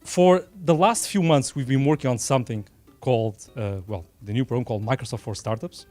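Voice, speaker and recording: A middle-aged Portuguese man with a mid-range, dark-toned voice speaks a little fast, with no echo and faint music in the background. Sponsoring the event, he gives an unscripted, earnest dinner speech in a small room, tossing in self-deprecating asides.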